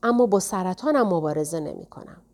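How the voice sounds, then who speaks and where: A woman reading the part of a calm, soft-spoken older man, a gentle mystic, in an audiobook. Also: on the low side.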